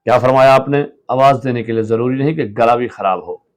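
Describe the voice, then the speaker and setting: A man's voice: medium pitch, brisk, natural voice. A man reading a play aloud and voicing a sick, irritable husband who groans and snaps at everyone.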